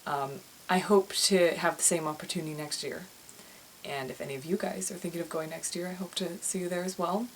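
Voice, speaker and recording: A young woman with a slightly low voice, talking straight to camera in a loose, chatty vlog. She rambles as she thinks aloud, stumbling over restarts and doubling back on her words. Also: steady tone, fairly quick, slight background noise, rough recording. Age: young adult. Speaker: author and vlogger.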